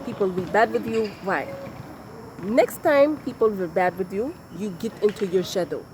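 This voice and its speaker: A woman's voice: mid-range voice, expressive, moderate pace, background noise, natural voice. A woman voicing a stern female psychologist in a mock Russian-style accent, speaking blunt, clipped, broken English. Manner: blunt, commanding. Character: stern female clinical psychologist, middle-aged.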